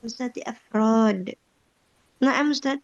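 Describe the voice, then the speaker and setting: A woman's voice: fairly high pitch, takes it slowly. Woman student on a bad video call, glitching choppy audio, muffled lo-fi sound, short polite answers. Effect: choppy glitching audio from a bad connection. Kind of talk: online language class.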